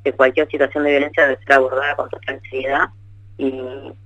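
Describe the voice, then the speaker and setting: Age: adult. Sex: man. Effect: choppy bad phone connection. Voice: gravelly, sharp. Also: medium pitch, little pitch movement, no echo. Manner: measured and formal, stresses key words. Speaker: government minister interviewed by phone. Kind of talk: formal official explanation. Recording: dull, dry, choppy phone line.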